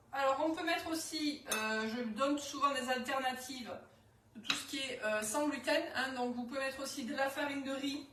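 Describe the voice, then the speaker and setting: A woman's voice: sits high, a bit bright, reverberant, distant mic, a little hiss or hum. A woman from southwest France with a Toulouse-area accent, chatting casually and hesitantly as a cookware consultant during a live cooking demonstration. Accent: southwest French, Toulouse area. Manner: chatty, hesitant, many fillers.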